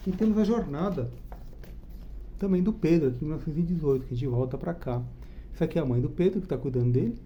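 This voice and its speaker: A Brazilian man with a Brazilian Portuguese accent hosts his own channel, reviewing a comic book in a casual, chatty, enthusiastic way and often checking in with tag questions. His pitch is fairly high, the recording sounds muffled, and there's slight background noise.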